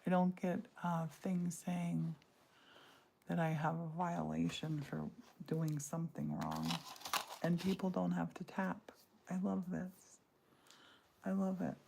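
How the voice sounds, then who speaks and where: Gravelly low-voiced woman in her sixties. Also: flat delivery, measured pace, pauses often, dark tone, a little hiss or hum. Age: 60s. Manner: chatty, rambling, self-interrupting. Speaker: craft livestream host. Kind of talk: casual chat while crafting. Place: home craft studio. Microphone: livestream device mic.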